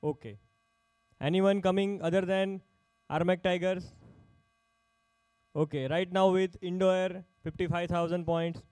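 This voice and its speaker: A man's voice: sits high, fairly even intonation, unhurried, a little mellow, smooth, dry recording, low-quality recording. A man working as an auctioneer at a live sports player auction, calling out bids in short, repeated phrases.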